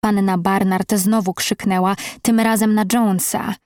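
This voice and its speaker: A woman narrates a first-person audiobook with measured, even storytelling. Her voice is mid-range, and the studio-quality recording has no room sound.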